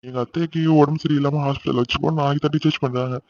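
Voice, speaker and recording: A man's voice: on the high side, fairly even intonation, racing, a little mellow, lo-fi sound, a little hiss or hum, natural voice. A man voicing a teasing young married man who runs an office, bantering and scolding in jest. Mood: businesslike. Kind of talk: cartoon voice acting.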